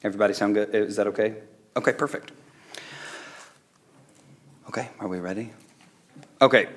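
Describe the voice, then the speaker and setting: A man's voice: fairly low pitch, moderate pace. A man informally chairing a public meeting in a conversational, accommodating way. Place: indoor council chamber, dais microphone.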